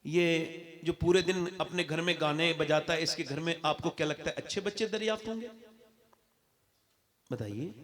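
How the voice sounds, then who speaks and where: A man delivering an impassioned sermon to a crowd, moving from low conversational talk to loud shouted declamation and asking the audience questions. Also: normal speed, long pauses. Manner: addresses the crowd directly with questions. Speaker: religious orator. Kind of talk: impassioned sermon at a public gathering. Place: stage at a large religious gathering.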